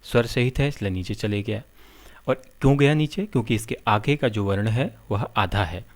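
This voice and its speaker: A man teaching a lesson, spelling out letters one by one in a measured way. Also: on the low side. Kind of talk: slow explanatory lesson.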